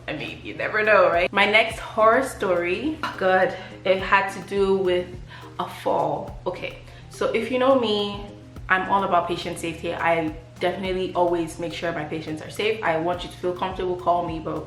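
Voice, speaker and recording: A woman from Africa who works as a nurse, telling stories from her job in a casual, expressive way. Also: on the low side, moderate pace. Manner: conversational, expressive, frequent "like" fillers. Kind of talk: casual storytelling vlog. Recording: roomy sound with faint music behind.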